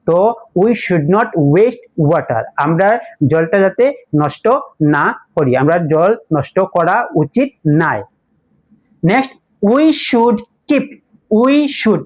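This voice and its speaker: High-voiced teacher with a Sylheti accent. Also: male voice, rough recording. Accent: Sylheti Bengali. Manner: patient, poses questions and answers them himself, spells words letter by letter. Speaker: English teacher. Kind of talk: classroom-style lesson explanation.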